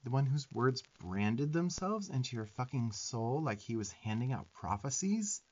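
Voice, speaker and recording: Lightly acted by a man, a sarcastic little demon twink bosses the listener with affection in ASMR roleplay, his mood scornful yet protective. The young mid-pitched voice swings up and down, sassy and emphatic, with blunt cursing as tough love. The sound is somewhat dull.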